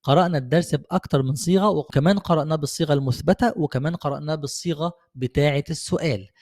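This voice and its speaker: A young man with an Egyptian Arabic accent teaching an English lesson, patient and encouraging, with slow repetition. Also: fairly high pitch, a little mellow. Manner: patient, encouraging, repeats slowly. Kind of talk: online language lesson.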